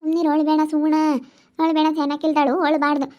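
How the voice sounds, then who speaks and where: A woman's voice: high voice, level tone, quick pace, highs cut off. A woman acting in a village family drama, talking in a soothing yet firm, scolding way.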